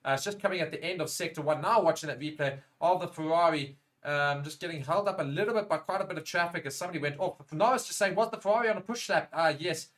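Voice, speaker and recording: Male co-host for a live race watchalong, rapid delivery, slightly higher voice, briskly calls times. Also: fairly bright tone. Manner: brisk, reads out viewer chat comments. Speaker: co-host and F1 commentator.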